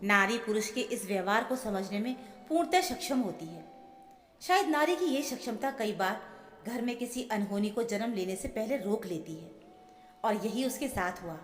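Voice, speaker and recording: A woman telling a scripted emotional family story in an earnest, measured manner. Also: medium pitch, lively intonation. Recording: echoey with long reverb, soft music. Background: soft background music.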